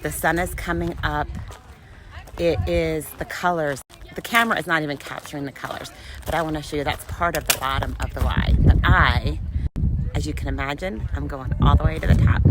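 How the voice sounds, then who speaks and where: A woman speaking in an enthusiastic, motivational vlog style into a handheld phone on an outdoor mountain trail, laughing often. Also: deep voice. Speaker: vlogger. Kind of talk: motivational vlog while hiking. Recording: outdoor noise with passing traffic.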